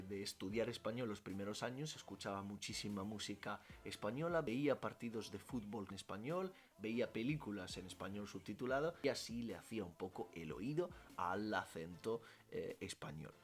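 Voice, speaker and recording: A man with an Italian accent, a language teacher answering questions in a casual vlog, talking freely and correcting himself as he goes. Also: on the low side. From Italy. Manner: animated, self-correcting, thinks aloud with fillers.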